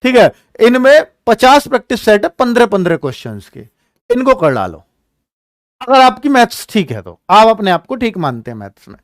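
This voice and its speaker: A male coaching teacher talks to students bluntly and in a chatty way, scolding them and repeating his points. His voice is high and swings up and down a lot. The sound is dry and close. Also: very animated, normal speed, no room sound. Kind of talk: frank coaching advice talk.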